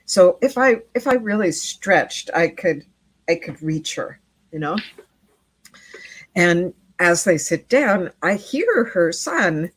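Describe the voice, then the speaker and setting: A woman's voice: fairly low pitch, sing-song, slow pace, slightly rough, dry recording. A middle-aged woman, a midwife and interview guest, telling a story earnestly and often repeating words as she goes.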